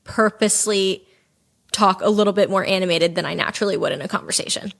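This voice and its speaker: A young adult woman co-hosting a casual chat podcast, talking in a chill, easygoing, slightly monotone way. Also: medium pitch, fast, creaky. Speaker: podcast co-host.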